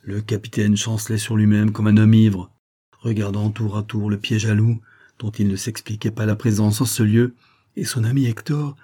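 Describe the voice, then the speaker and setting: A man reading a classic novel aloud as an audiobook in a steady, measured storytelling voice. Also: lowish voice. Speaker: narrator.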